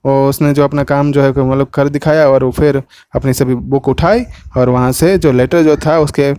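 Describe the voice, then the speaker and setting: A man's voice: mid-range voice, steady tone, normal speed, mellow, clean tone, dry recording. A man with a Gujarati accent, teaching a class lesson and retelling the story in detail, voicing its dialogue as he goes. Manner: retells the story in Hindi with English words, acting out quotes.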